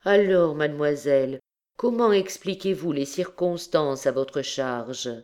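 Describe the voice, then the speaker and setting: A woman reading an audiobook voices a calm, coldly polite male prosecutor who speaks slowly. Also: low voice. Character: mild, unflappable older male royal prosecutor.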